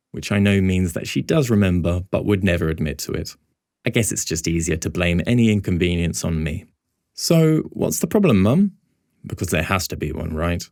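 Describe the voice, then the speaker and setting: A male audiobook narrator telling a story in the first person with a wry, inward manner. His voice is very low, and the recording is close and dry with no room sound. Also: no room sound.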